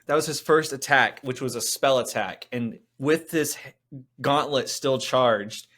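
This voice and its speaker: A man serving as game master for a tabletop role-playing game. He narrates what happens in a steady, descriptive manner and explains the rules along the way. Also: mid-range voice, a little slow.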